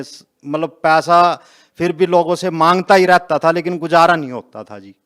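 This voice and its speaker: Man, 50s, earnest interviewee, smooth and resonant, steady flat delivery. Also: fairly high pitch. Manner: earnest, plain-spoken, polite. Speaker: interviewed devotee. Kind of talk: testimony interview.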